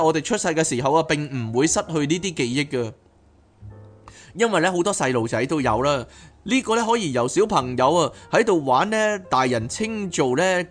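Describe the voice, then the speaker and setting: A man reads a book aloud as podcast host and breaks off into animated, chatty asides. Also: on the high side. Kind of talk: reading a book aloud with commentary.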